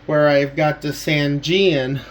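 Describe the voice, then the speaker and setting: Showing off his weather radio collection, a man with a slightly high voice films a casual indoor walkthrough on a handheld camera, speaking haltingly, trailing off, and repeating himself. Steady background noise runs through the camera-mic recording.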